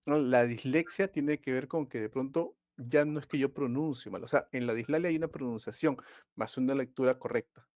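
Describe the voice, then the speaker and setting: A man teaches a live online class in a relaxed, conversational way. He pauses often with fillers and stops to ask whether his students are following. The recording is dry, with no room echo. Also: mid-range voice.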